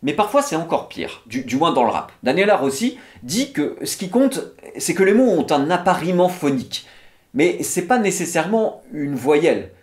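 A man's voice: on the high side, normal speed. A man with a French accent giving a casual, chatty talk about poetry, full of little fillers. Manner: chatty, lively, many "bah" and "hein" fillers. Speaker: literature video host.

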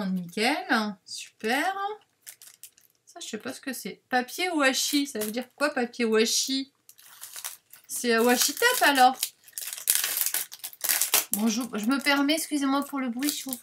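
High-voiced, chatty woman. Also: background noise. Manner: chatty, rambling, excitable, apologetic. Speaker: craft vlogger unboxing a parcel. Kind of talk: casual unboxing chat to viewers.

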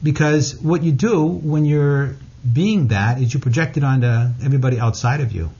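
A man's voice: on the high side, moderate pace, dark tone, husky, lo-fi sound. A man being interviewed as an author, speaking frankly and bluntly, cursing freely. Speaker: guest author. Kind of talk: candid interview talk.

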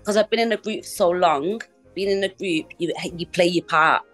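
A woman's voice: on the low side, normal speed, fairly bright tone, soft background music. A woman musician from England, a guest on a video-call interview, talking in a chatty way with frequent laughs and repeated phrases, calling in on a phone from her living room. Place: living room with a Christmas tree.

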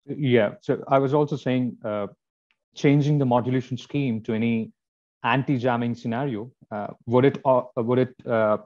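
A man's voice: medium pitch, steady tone, moderate pace, darkish tone. A man asking technical questions on a video call, hesitant and full of fillers, politely agreeing. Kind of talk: casual technical discussion. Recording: dull lo-fi call audio.

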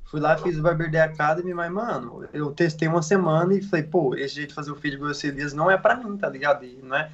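A man's voice: a little high, fast talker, few pauses, lo-fi sound, slight background noise. A man co-hosting a podcast, chatting in slangy, agreeable style. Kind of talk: casual podcast chat.

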